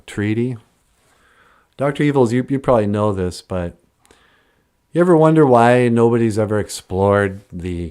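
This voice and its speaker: Answering messages from his chat during a livestream, a man with a low, slightly mellow voice talks in a rambling manner. He often lets sentences trail off or corrects himself partway through.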